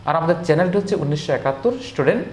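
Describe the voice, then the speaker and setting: A man teaching English pronunciation in a spoken lesson, drilling word lists slowly one by one. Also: on the high side, expressive, a little mellow. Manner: slow, drawn-out word-by-word drilling. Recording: echoey room with faint background noise.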